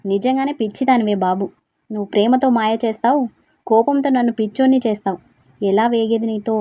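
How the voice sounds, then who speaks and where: A woman voicing a teasing, stubborn young husband who talks loudly and presses his point. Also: on the high side, fairly quick, no room sound, lightly acted.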